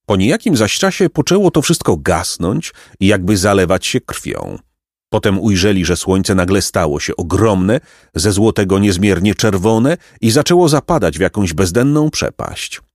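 Lively, expressive male storybook narrator. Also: low-pitched, moderate pace, no room sound, studio quality. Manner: expressive, lyrical reading. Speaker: audiobook narrator.

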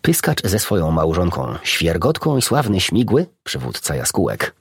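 A man narrating a children's storybook in an expressive, animated reading. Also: low-pitched, normal speed, breathy edge, dry recording. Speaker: audiobook narrator.

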